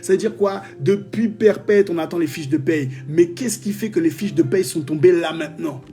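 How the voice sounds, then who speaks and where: A man leading a live-streamed prayer session, reading testimonies and preaching in a lively, exclamatory way, often joking with his viewers. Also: a little high, normal speed. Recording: faint music behind.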